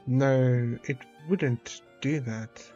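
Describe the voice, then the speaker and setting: A man live-streaming a game and chatting along as he plays, his talk rambling, stop-start and playfully dramatic. His voice sits at an ordinary middle pitch. The audio is a little dull and lo-fi, with faint game music underneath. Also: drawn-out words, warm tone. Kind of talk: casual live-stream chat while gaming.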